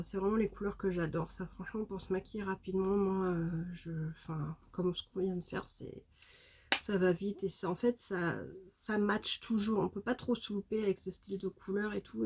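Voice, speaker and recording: A woman's voice: mid-range voice, dark tone. A woman beauty vlogger chatting casually and enthusiastically to her viewers about makeup, with lots of fillers. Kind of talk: casual makeup vlog chat.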